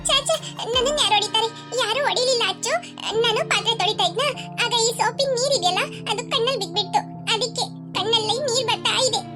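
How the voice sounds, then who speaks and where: A woman voicing a meek, mistreated young girl in a cartoon, talking softly, over loud background music. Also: extremely high pitch, fast talker. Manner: soft, meek, gentle. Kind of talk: cartoon voice acting.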